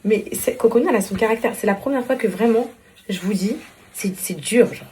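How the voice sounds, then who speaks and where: Young woman vlogger, loose and tired delivery full of restarts, everyday pitch, faint hiss behind. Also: fairly quick, a little mellow. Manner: tired, rambling, many fillers and restarts. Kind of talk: casual vlog chat to followers.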